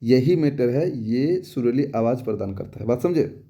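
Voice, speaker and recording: A man's voice: mid-range voice, expressive, moderate pace, dark tone. A young adult man teaching an exam-prep lesson in a casual, repetitive way, often asking if students have understood. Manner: repetitive, asks rhetorical check questions, homely examples.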